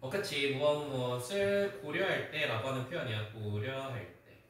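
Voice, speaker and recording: A man teaching an English class, quizzing students by name and sometimes scolding them in an animated way. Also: medium pitch, moderate pace, a little hiss or hum. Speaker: high school English teacher. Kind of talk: classroom lecture. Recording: echoey classroom from far off.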